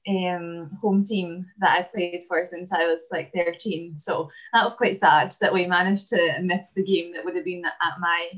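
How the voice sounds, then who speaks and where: A Scottish woman in her twenties, a basketball player and dentist, chatting casually in an interview with many "um" pauses. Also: fairly low pitch, steady tone, fairly bright tone, muffled recording. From Scotland.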